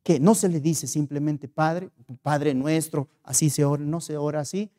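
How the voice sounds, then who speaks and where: A woman's voice: low voice, steady tone, moderate pace, dark tone, no room sound, clean studio sound, lightly acted. A man playing a frustrated middle-aged woman who pleads and questions in a plaintive voice. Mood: puzzled.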